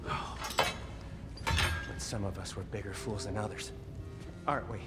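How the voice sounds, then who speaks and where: A man's voice: mid-range voice, expressive, normal speed, music in the background, natural voice. An actor playing a bitter, grieving man betrayed by his friends in a video game, with a biting, emotional delivery. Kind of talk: video game drama acting.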